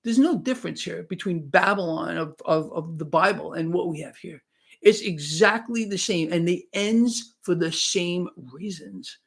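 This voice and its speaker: A man's voice: high-pitched, moderate pace, gravelly, breathy edge. A man in his late fifties hosting a live stream, commenting on markets in a fervent, preachy way, with many restarts and repeats. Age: 50s. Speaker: financial livestream host. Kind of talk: unscripted live-stream commentary, reading chat.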